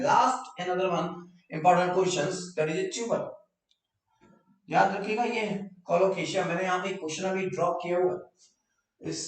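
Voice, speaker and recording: बहुत गूंजते कमरे में ऊँची आवाज़ वाला शिक्षक. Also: male voice, high-pitched, recorded from a distance. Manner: explains in mixed Hindi and English, repeats key terms, invites student questions. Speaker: biology teacher. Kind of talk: online live class lecture. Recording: very echoey room, voice off-mic.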